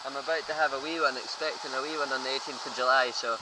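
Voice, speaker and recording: A man's voice: mid-range voice, steady tone, fast, background noise. A Scottish man in his twenties chatting in an easygoing, rambling, friendly way. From Scotland. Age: 20s. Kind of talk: casual chat.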